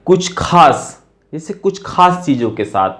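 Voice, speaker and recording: Brief: male teacher, slightly high voice, slow, patient, repeats himself, checks understanding. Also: very animated, fairly bright tone. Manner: patient, repeats points, asks "clear?". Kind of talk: grammar lesson explaining step by step.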